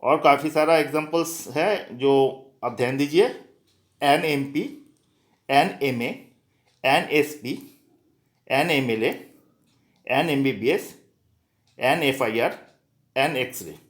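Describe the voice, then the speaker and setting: Slow-paced male grammar teacher. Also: mid-range voice. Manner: slow, repeats example words aloud one by one. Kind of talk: explaining lesson for exam students.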